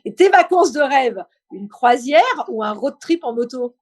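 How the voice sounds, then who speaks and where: A woman's voice: high voice, animated, a little slow, a little mellow. A woman hosting a live interview, speaking informally as she puts questions and introduces topics. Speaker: interview host. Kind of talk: live online interview, quiz-style questions then conversation.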